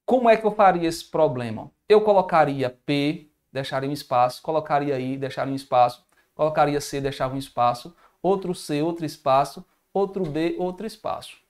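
Brazilian guy teaching math on a livestream, higher voice, chatty, reads out comments. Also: fairly quick, darkish tone. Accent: Brazilian Portuguese. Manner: informal, thinks aloud, reads viewer comments. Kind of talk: live-streamed math review lesson.

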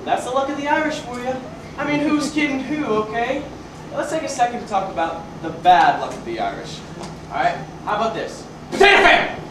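A young man playing a ranting barfly who spins a rambling tall tale in a stage comedy sketch, stopping himself mid-story and working up to shouts, heard from far off in an echoey school auditorium. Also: very high voice, sing-song, a little fast. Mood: wry. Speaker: student performer in a variety show sketch. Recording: echoey hall, mic far off, noisy.

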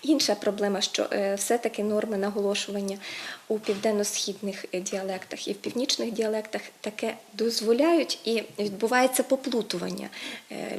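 A woman's voice: medium pitch, vocal fry. A woman presenting an educational segment on word stress, explaining patiently with hesitation fillers and stressing each example word. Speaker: language presenter.

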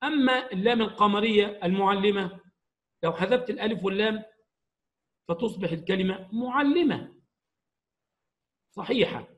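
A man teaching an Arabic grammar lesson to young pupils, explaining slowly and stressing each example word. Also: high-pitched, rough recording.

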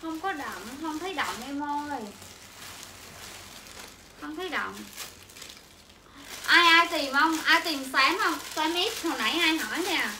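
A woman's voice: high-pitched, expressive, unhurried, long pauses. A young woman, chattering through a live-stream clothing sale with repetitive sales patter. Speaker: livestream clothing seller. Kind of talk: livestream selling chat. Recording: echoey room with faint ambient noise.

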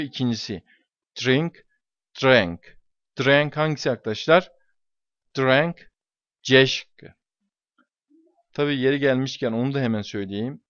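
A man's voice: mid-range voice, no room sound, dull audio. A man teaching English to his students, explaining exam questions and stressing points by repeating key words.

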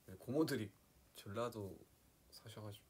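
Soft-spoken young man, low husky voice. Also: moderate pace. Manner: soft-spoken, drops into quiet asides, playfully mimics regional dialects. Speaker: live stream host. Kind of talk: casual live-stream chat.

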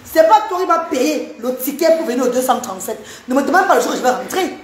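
A woman's voice: sits high, very animated, quick pace, reverberant, slight background noise. A Cameroonian woman with a Cameroonian French accent, live-streaming to her viewers, emphatic and repetitive as she scolds and banters with them.

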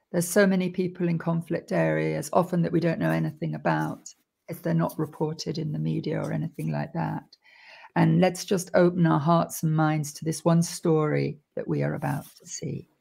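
An older woman hosts an online premiere from a room at home over a video call. Her low voice is deeply gravelly with heavy fry. She speaks gently and measuredly, pausing often between phrases. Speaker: event host. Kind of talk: hosting an online film premiere. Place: room indoors.

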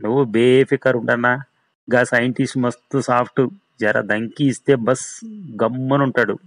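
A man's voice: medium pitch, fairly even intonation, normal speed, no echo, pitched above the performer's own voice, lightly acted, low-quality recording. A man voicing a cocky male local thug with a Telangana Telugu accent, talking in swaggering slang.

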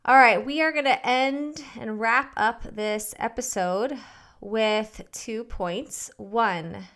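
A woman's voice: a little high, slow, a bit bright. A woman co-hosting a podcast who tells a short story and wraps up the episode in a friendly way. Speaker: podcast co-host. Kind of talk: casual chat, wrapping up an episode.

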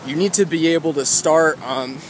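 A guitar vlogger in his 20s with a fairly high-pitched voice gives casual advice in a halting, emphatic way while walking along a city street. He films on a phone held at arm's length with wired earbuds in, and the phone mic picks up loud wind and street noise, including traffic and urban ambience.

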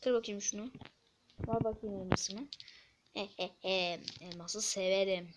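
A woman's voice: mid-range voice, fairly even intonation, unhurried, background noise. A woman casually commentating her gameplay, talking to viewers with muttered asides. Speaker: gameplay video host.

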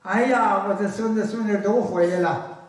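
A man's voice: high voice, fairly even intonation, normal speed. An older man from Northeast China with a Northeastern Mandarin accent, telling stories in an earthy, colloquial way during a lecture. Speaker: folk lecturer. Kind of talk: storytelling lecture. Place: lecture hall. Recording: very echoey hall from far off.

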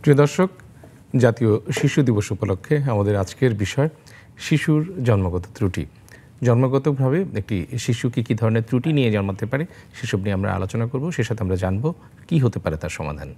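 A man's voice: mid-range voice, expressive, a little fast, dark tone, slightly rough. A man from Bangladesh hosting a studio health interview, introducing the guest formally and asking short questions. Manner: formal introduction, brief acknowledgements. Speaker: host.

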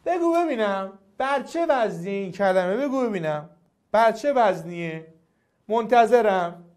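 A male teacher giving a classroom grammar lesson, coaxing and quizzing his students in a lively way. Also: sits high.

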